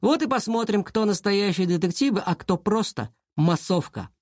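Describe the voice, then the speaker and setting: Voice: medium pitch, lively intonation, normal speed, darkish tone, no room sound, clean studio sound, voice pushed up, natural voice. A reader voicing Vlasov, a cocky schoolboy who mocks the other kids with lazy swagger. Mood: smug mocking. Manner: smug, mocking.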